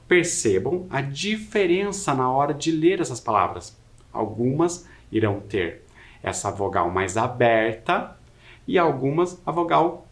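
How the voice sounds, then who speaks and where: A man with a Brazilian Portuguese accent teaching an adult-education Portuguese lesson, repeating words slowly to model pronunciation. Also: medium pitch. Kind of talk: recorded video lesson.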